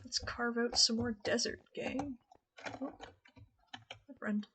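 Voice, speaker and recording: A woman's voice: a little high, steady tone, takes it slowly, noisy background. A woman streamer talking casually to her chat while playing a game, chatty and rambling, often laughing.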